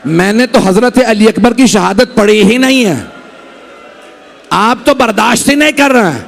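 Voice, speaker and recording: A man's voice: high-pitched, vocal fry. A man with a Pakistani Urdu accent preaching a mourning sermon in a mosque hall, reciting the tale with dramatic lamenting delivery and voicing its figures.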